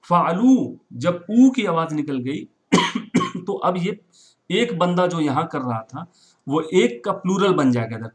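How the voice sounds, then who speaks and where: A man teaching Arabic verbs in Urdu, mixing in English words, repeating forms and often checking with "right?". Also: fairly high pitch. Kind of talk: classroom-style recorded lesson.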